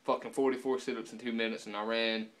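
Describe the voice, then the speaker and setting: A young man talking casually to camera with dip in his lower lip, laid-back and swearing often, filmed at home with the camera on a subwoofer. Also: little pitch movement, quick pace, a bit bright. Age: young adult. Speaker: vlogger. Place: indoors, room at home.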